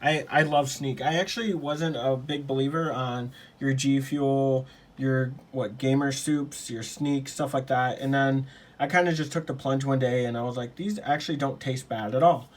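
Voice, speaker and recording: A man casually showing off his gaming setup on a handheld camera, talking in a loose, rambling way with lots of fillers and quick apologies. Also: mid-range voice, fairly even intonation. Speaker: gaming YouTuber and streamer. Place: home gaming room.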